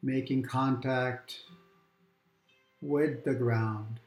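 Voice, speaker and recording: A man leads a calm grounding exercise as a meditation guide. He speaks slowly, in a medium-pitched voice, leaving long pauses between gentle instructions. The recording has a roomy echo, with music playing behind him. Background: quiet background music.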